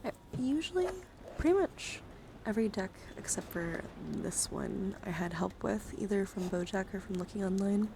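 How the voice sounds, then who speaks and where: Whispering and speaking softly, a chatty, encouraging livestream host shows and reads trading cards to a hands-on camera indoors for ASMR. Her gravelly mid-range voice moves at normal speed with lively intonation. The recording carries noticeable background noise.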